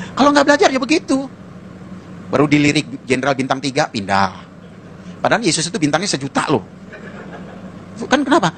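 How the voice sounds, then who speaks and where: A man preaching a sermon to a congregation as pastor, in an animated, colloquial way with mocking asides. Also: on the high side, noisy background.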